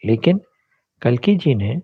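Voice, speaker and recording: Gravelly-voiced man explaining astrology. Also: medium pitch, big pitch swings, slow, no room sound. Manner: explanatory, mixes English words into Hindi. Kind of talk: casual explanatory talk. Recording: dull, lo-fi dry sound.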